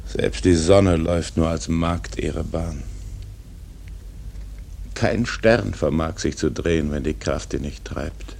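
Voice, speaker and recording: An actor playing a brooding, tormented old sea captain in a literary radio drama, solemn and haunted, with a gravelly, husky voice. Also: male voice, a bass voice, slow pace, a little mellow, slight background noise, exaggerated voice. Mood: anguished questioning.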